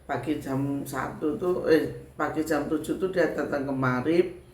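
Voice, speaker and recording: A woman's voice: deep voice, measured pace, a little mellow, slight background noise. A woman from Central Java with a Javanese accent, a spiritual medium chatting to her viewers in a casual storytelling way, looping back with filler tags. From Sragen, Central Java, Indonesia. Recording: echoey room with faint background ambience.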